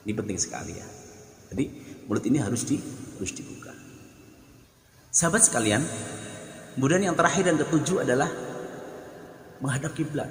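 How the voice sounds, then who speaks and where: A man teaching the call to prayer step by step, explaining plainly and then breaking into long, high sung calls. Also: animated, fast talker, pauses often. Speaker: adhan teacher. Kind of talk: spoken tutorial with sung demonstrations. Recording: echoey room with long reverb, faint music.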